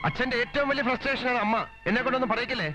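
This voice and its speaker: A man's voice: very high voice, fairly even intonation, very fast, music in the background. An actor playing a heated young man who accuses his mother and defends his father.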